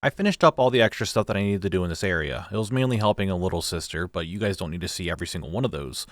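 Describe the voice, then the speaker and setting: A man's voice: low voice, racing, no echo, clean studio sound. A young man giving a casual, joking scripted recap of his video game playthrough. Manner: informal, joking, occasional swearing. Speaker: gaming video creator.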